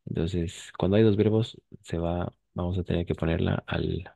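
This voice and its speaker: Low-voiced guy teaching french, dark mellow tone, dry sound, patient and clear. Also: steady tone, normal speed, no room sound. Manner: patient, switches between Spanish and French, drills pronunciation. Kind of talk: online class, explaining in Spanish and French.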